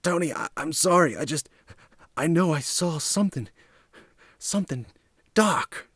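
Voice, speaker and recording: A man's voice: fairly high pitch, animated, measured pace, fairly bright tone, breathy edge, no echo, studio quality, pitched above the performer's own voice, full character voice. A man voicing a nervous, jittery young henchman who stammers in panic. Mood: panicked.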